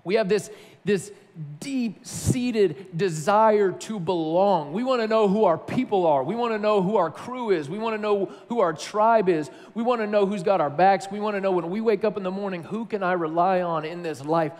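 A man from Tennessee preaching a sermon, telling a personal story in a conversational, animated way. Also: high-pitched, moderate pace, long reverb tail. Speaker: pastor.

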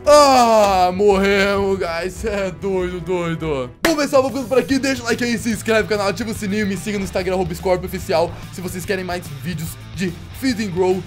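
A man's voice: high voice, fast, few pauses, soft background music. A young Brazilian man with a Brazilian Portuguese accent, hosting jokey, slangy gameplay commentary and taunting the fish he plays against. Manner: excitable, jokey, slangy, talks to the game fish. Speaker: gaming YouTuber.

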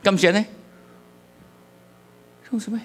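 Slow and fairly even in intonation, this middle-aged Taiwanese pastor speaks in a high male voice with a Taiwanese accent. He preaches a sermon full of humorous stories and questions for the congregation.

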